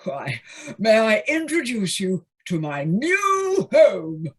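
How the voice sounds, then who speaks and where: Flamboyant spoilt toad gentleman, husky, pitch flying all over, gushing audio play style. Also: sing-song, full character voice. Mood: boastful glee. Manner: gushing, whooping, drawn-out exclamations. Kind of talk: amateur audio play acting.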